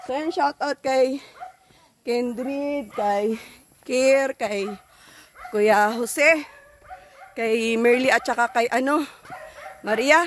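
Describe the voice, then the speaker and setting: Vlogging outdoors on her phone, a woman chats casually while slightly out of breath, thanking her viewers and sponsors. Her voice is high, with a little hiss or hum in the recording.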